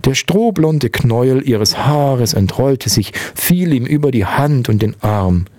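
A man narrating an audiobook in a measured, descriptive reading. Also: mid-range voice, lively intonation, darkish tone, no echo.

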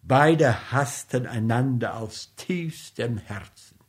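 Man reading a story aloud, slow pace, measured, even narration. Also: mid-range voice. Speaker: reader. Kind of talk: literary reading.

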